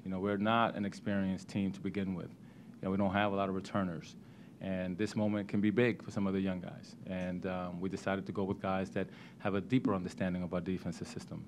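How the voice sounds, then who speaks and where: A middle-aged head basketball coach answers questions at a postgame press conference, his deep, slightly mellow voice picked up by a table microphone in the press room. He speaks in a measured, stop-start way, repeating words as he begins sentences. Slight room hiss is audible.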